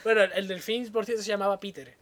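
A man's voice: sits high, fairly even intonation, quick pace. A man tells a story in casual conversation. He keeps chuckling as he talks, loose and unscripted. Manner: laughs often while telling a story. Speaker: podcast co-host.

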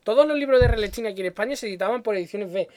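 A woman with a Spain Spanish accent in casual chat, animated and sarcastic, swearing often as she rants. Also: medium pitch, racing.

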